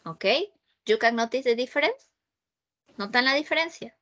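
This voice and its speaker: A woman's voice: on the high side, moderate pace, sharp tone, muffled recording. A woman with a Peruvian Spanish accent teaching English over a video call, patiently repeating herself and checking that students understand. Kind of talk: online class, mixing Spanish and English.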